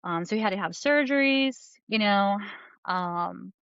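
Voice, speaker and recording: Rambling woman guest, smooth muffled voice. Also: medium pitch, expressive, a little slow, fairly bright tone, no echo. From New Jersey. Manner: rambling with many fillers and laughs. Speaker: podcast guest, comic book artist. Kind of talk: casual conversational interview.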